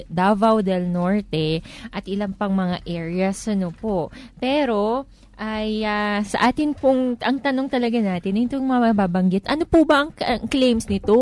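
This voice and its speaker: A woman's voice: medium pitch, a little mellow. A Filipino-accented woman co-hosts a casual talk show discussion, feeling her way through questions in Tagalog mixed with some English. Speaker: co-host.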